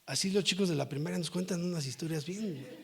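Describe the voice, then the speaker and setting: High-voiced male pastor preaching. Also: a little fast, gravelly. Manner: lively preaching, asks the congregation for amens. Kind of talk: sermon. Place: church.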